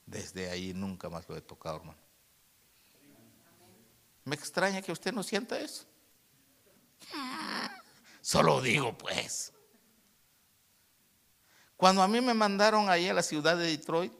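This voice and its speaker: Male pastor, bright and forceful tone, storytelling sermon with loud-to-hushed swings. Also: a little high, vocal fry. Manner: storytelling preacher, addresses listeners as "hermano", swings from loud to hushed.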